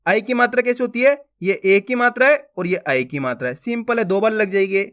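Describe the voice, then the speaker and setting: Hindi teacher drilling syllables aloud. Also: male voice, high voice, animated, fairly bright tone. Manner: slow, drawn-out syllable drills with questions to the viewer. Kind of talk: lesson on reading Hindi letters.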